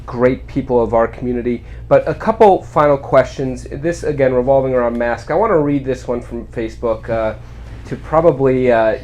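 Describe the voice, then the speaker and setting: Guy hosting a local update, chatty but halting, rambles into his questions, medium pitch, bit of background noise. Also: a little mellow. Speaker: host. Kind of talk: informal community update interview.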